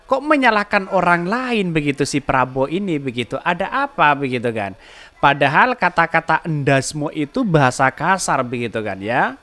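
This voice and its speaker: A man hosts a podcast, delivering a rambling political commentary monologue. His voice sits fairly high and swings in a lively, animated way. He leans on rhetorical questions and keeps tagging his sentences with the same filler words. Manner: rambling, repeats filler tags like "begitu kan". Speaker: podcast host.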